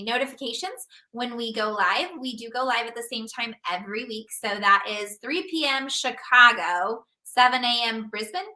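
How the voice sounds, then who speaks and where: A woman's voice: fairly high pitch, pushed and bright. A woman hosting a casual podcast, chatty and upbeat with many fillers. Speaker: host.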